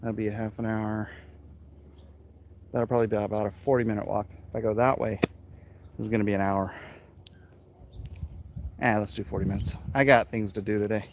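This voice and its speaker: A middle-aged American man, a vlogger and artist, rambles offhandedly and self-deprecatingly to viewers while walking uphill through hilly residential streets, a little winded from the effort. His voice is fairly low and steady, a little fast, with long pauses. The outdoor walking recording is noisy, with clicks.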